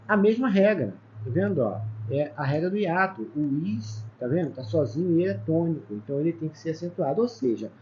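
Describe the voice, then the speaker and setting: Brazilian teacher counting letters aloud. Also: male voice, on the high side. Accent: Brazilian Portuguese. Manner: explains step by step, counting aloud, with frequent "tá?" and "ó" checks. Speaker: Portuguese teacher. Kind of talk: exam-prep lesson at a whiteboard. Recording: slightly dull sound with faint background noise.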